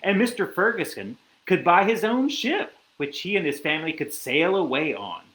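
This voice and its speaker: A man reading a children's picture book aloud, with animated storytelling and asides to a listener. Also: high-pitched, moderate pace, roomy sound, rough recording.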